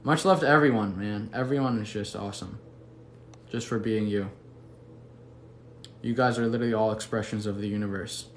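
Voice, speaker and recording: On a casual livestream, a young man from Mexico City who later went to the US reads and responds to viewer comments, easygoing, slangy and warm. His voice sits on the low side with a steady tone and normal speed, and he pauses often. Echo and faint background noise are audible.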